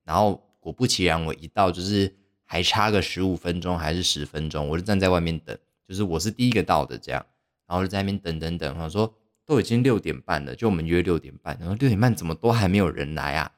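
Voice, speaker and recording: Here a young podcast host spins a laid-back, meandering story, cracking jokes at his own expense and using plenty of fillers. His voice is low and his pace quick.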